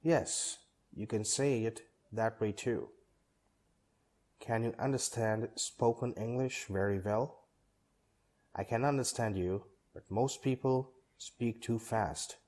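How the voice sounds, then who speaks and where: A man with a lowish voice reads both parts of short scripted dialogues meant for English learners, keeping a steady, measured delivery.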